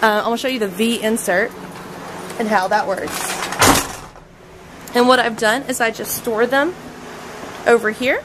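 A woman in her thirties walks down the aisle of her indoor horse barn, reviewing the stalls in a casual, chatty way full of ums while filming on the handheld camera she carries. Her voice is on the high side, fairly even in intonation, measured in pace, with long pauses. The camera mic audio is noisy.

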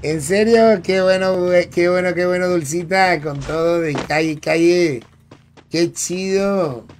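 A young Dominican gaming streamer with a Dominican Spanish accent speaks in a high-pitched, somewhat slow voice, with a little hiss or hum in the audio. During live gameplay he chats casually with viewers in slang, greeting them by name.

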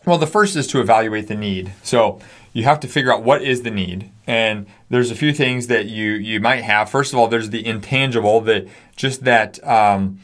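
A man's voice: fairly low pitch, normal speed, fairly bright tone. A man in his forties, a pastor co-hosting a podcast, explaining things earnestly in a small studio. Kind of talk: casual podcast discussion. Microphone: studio mic on stand.

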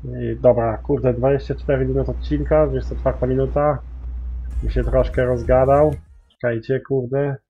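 A man's voice: medium pitch, fairly even intonation, normal speed, vocal fry, slightly rough, muffled recording. A man giving rambling, casual commentary while playing a farming game, full of mild swearing fillers. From Poland. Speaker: gaming YouTuber.

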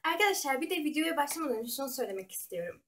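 High-pitched young woman vlogger. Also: animated, racing, fairly bright tone, a little hiss or hum. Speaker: video host. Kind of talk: casual vlog chat. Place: small furnished bedroom.

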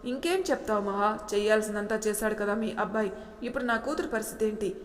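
A woman's voice: mid-range voice, fast talker, lightly acted. A woman voicing a proud middle-aged father who speaks in a bitter, accusing, raised voice. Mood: angry. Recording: roomy with long reverb.

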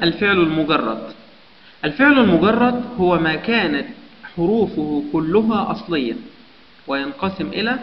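A man teaching a grammar lesson, explaining step by step and listing example words one by one. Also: high-pitched. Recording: echoey, dull lo-fi room recording with long reverb.

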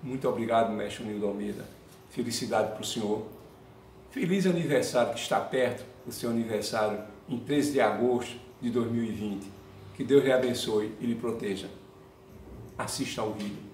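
A man's voice: mid-range voice, moderate pace, darkish tone. A man presenting a documentary, giving a formal and courteous tribute to the man interviewed. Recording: roomy, distant mic with faint noise.

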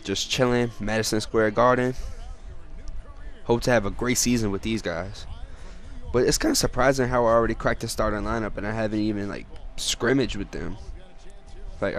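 Teenage boy, casual gameplay commentary, chatty and hyped, slightly low voice. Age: teens. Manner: hyped, chatty, talks to viewers. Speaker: gamer.

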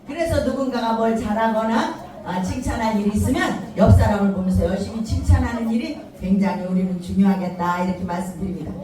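A woman instructor leads an elderly class through a clapping warm-up, shouting cues and cheering them on. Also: mid-range voice, fairly quick. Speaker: recreation instructor for a seniors' class. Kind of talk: leading a call-and-response clapping warm-up. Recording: echoey hall from far off, loud music and crowd.

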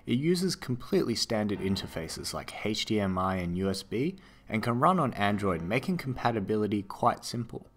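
A man with an Australian accent narrating a scripted voice-over for a build tutorial, in a steady, explanatory way. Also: on the low side, moderate pace, hardly any pauses. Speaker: tech video narrator.

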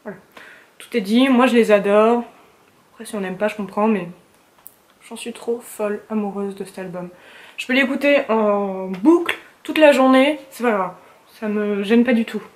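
Her voice medium in pitch and her speed normal, a young woman vlogs from inside her home. She chats casually and gushingly about her favorites, sprinkling in slang and fillers.

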